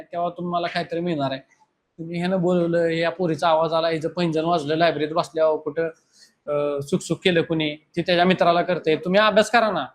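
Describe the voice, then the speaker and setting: A man, teaching a class and lecturing students bluntly. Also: high-pitched. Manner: scolding, blunt, talks straight at students. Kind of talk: classroom lecture and pep talk.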